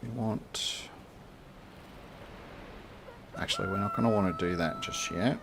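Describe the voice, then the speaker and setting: Aussie guy streaming a game, slow and rambly, kinda gravelly voice, talks to the critters. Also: fairly low pitch, noisy background. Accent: Australian. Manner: rambling, thinks aloud, chats to game animals. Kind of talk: casual gameplay commentary.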